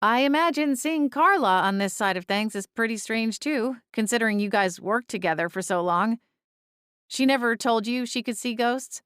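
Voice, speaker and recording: A woman playing a kindly, reassuring ghost-seer with gentle conversational delivery in an audiobook. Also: fairly high pitch, normal speed, smooth, dry recording, clean studio sound, pitched above the performer's own voice, natural voice. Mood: gentle, sympathetic. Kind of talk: audiobook character dialogue.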